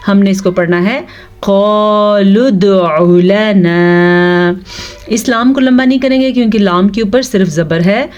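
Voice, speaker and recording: A woman teaching Quran recitation step by step. She spells out letters and vowel marks syllable by syllable, and she chants the verses slowly. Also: mid-range voice, a little mellow. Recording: dull lo-fi recording.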